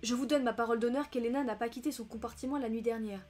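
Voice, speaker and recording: A woman's voice: fairly high pitch, steady tone, racing, a little mellow, close to an everyday voice. A woman voicing a proud, protective count who pleads earnestly and indignantly in an audiobook reading.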